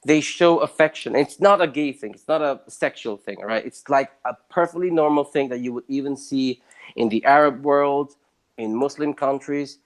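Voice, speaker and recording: A man, originally from Southern Italy, speaks as an interview guest. He argues his points with emphasis, his voice jumping up in pitch and loudness when he presses a point. His voice sits at an ordinary middle pitch. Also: normal speed. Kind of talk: casual conversational interview.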